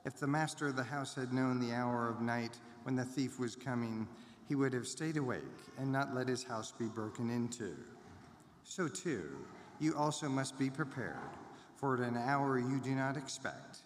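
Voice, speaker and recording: A man's voice: mid-range voice, normal speed. A man reading the Gospel solemnly as a clergyman, his voice echoing through a large church. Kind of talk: solemn liturgical scripture reading. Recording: echoing cathedral-like hall, background noise.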